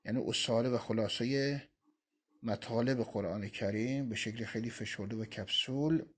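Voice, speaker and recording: In a mid-range, somewhat rough voice, a man teaches a religious lesson of Quran commentary, reciting Arabic quotations and going through their meaning one phrase at a time.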